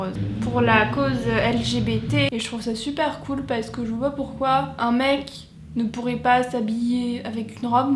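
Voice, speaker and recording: French girl reacting to a song, high voice, kinda hesitant, roomy echo. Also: a little hiss or hum. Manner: chatty, thinks aloud, hesitant. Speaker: music video reactor. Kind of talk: casual reaction and translation.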